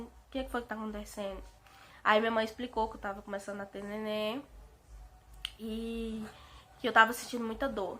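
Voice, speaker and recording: A young Brazilian woman with a Brazilian Portuguese accent, telling a personal story in a chatty vlog and often addressing her viewers. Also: on the high side. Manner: chatty, keeps saying "gente" to viewers; animated retelling with emotional outbursts. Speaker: vlogger.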